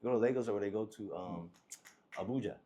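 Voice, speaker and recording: A man's voice: lowish voice, fast talker, mellow. A young man from the US South with Nigerian roots, co-hosting a casual interview in a laid-back way. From Nigerian heritage, raised in the US South. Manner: laid-back, lots of "man" and "you feel me". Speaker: co-host.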